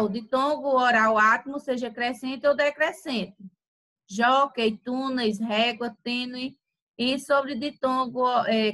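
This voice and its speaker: Brazilian lady teacher, slow and careful, drawing out words, kinda high bright voice. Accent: Brazilian Portuguese. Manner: slow and deliberate, stretching out example words and using "tá?" tag questions. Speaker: Portuguese teacher. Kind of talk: recorded grammar lesson.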